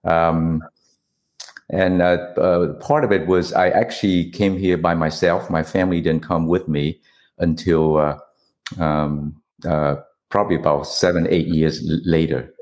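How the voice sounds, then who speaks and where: Deep voiced guy from vietnam, lots of uh's and restarts while answering. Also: level tone, darkish tone. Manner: halting, many fillers and restarts. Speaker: guest, nonprofit CEO. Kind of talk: interview answers.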